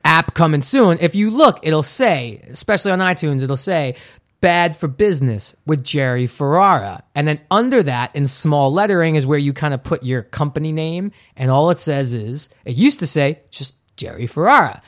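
A man's voice: fairly high pitch, expressive, moderate pace, a bit bright. A man in his thirties hosting a podcast, chatting casually and joking through upbeat ad reads. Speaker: podcast host.

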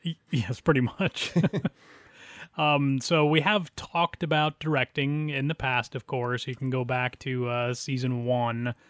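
A man's voice: medium pitch, flat delivery, measured pace, fairly bright tone, clear, resonant tone, dry recording, studio quality. A man co-hosting a podcast about community theater in casual chat, laughing often and restarting phrases. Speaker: podcast co-host.

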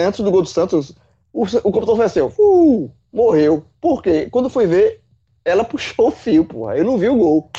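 Bahian guy talking football on a call, high voice jumping all over, husky, dull lo-fi sound. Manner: animated, swearing, folksy analogies. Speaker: football pundit. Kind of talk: casual chat. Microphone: remote call.

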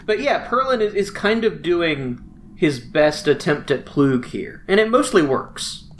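A man's voice: on the high side, big pitch swings, unhurried, slight background noise. A man co-hosting a comic book podcast, chatting casually and often restarting his sentences. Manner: chatty, with frequent restarts and many "mm-hmm"s. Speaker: podcast co-host. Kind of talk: casual chat about comics.

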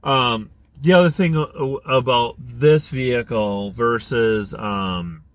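Driving his car, a podcast host talks through his thoughts out loud in a casual chat full of fillers. He has a mid-range voice and a slow pace.

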